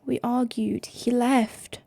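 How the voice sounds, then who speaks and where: A woman voicing a distraught, apologetic teenage boy in an amateur audiobook reading, her voice breaking between pleading and hushed. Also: fairly high pitch, little pitch movement, takes it slowly, gravelly, dry recording, full character voice.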